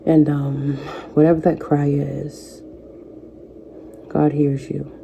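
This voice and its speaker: A woman in her thirties, a vlogger, speaking softly and reflectively to camera, offering faith-based encouragement. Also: low voice, flat delivery, slow pace, creaky, a little hiss or hum. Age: 30s. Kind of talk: personal talk to camera.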